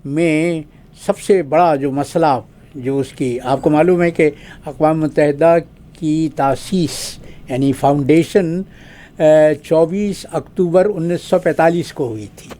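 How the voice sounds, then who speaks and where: An older man from Pakistan, a retired diplomat and guest analyst, gives formal commentary at a measured pace and pauses with drawn-out fillers. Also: fairly high pitch, mellow.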